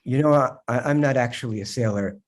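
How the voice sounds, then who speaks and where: A man's voice: medium pitch, fast, natural voice. An actor playing an awkward, flustered straight man who stammers and hesitates. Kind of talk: comedic audio drama.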